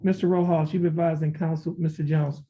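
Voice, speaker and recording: A male judge conducting a formal plea hearing in a courtroom recording, reading documents aloud in a measured, formal way. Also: a little high, level tone, warm tone. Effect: courtroom recording heard over a video call. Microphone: video call. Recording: dull lo-fi courtroom audio with faint hiss.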